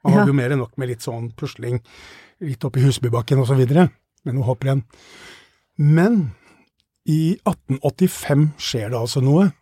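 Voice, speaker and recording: A man speaking as a studio guest, explaining sports history conversationally in a hesitant, halting way. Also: medium pitch, warm tone, breathy edge, dry recording.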